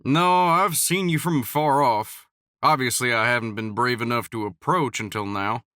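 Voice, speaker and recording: A man voicing a confident, playful cowboy in an audiobook, a bit louder than his narration. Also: mid-range voice, normal speed, dry recording, clean studio sound, lightly acted. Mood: teasing.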